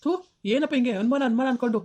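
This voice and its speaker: A woman's voice: a little high, fairly even intonation, a little mellow, natural voice. A woman playing an irritable, defensive young husband who scolds his wife in a village comedy skit. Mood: irritated. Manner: snappish, scolding, quick-talking.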